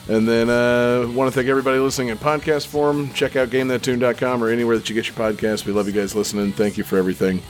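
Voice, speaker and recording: A man's voice: medium pitch, flat delivery, fast talker, hardly any pauses, faint music behind. A man hosting a live game show podcast, joking around in casual chat with plenty of fillers. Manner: joking, laid-back, many fillers. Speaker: podcast host.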